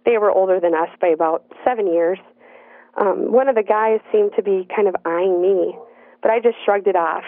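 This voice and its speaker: A woman telling a personal story in the first person, in an earnest, measured narrating voice. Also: mid-range voice, no room sound. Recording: dry, tinny phone-like sound.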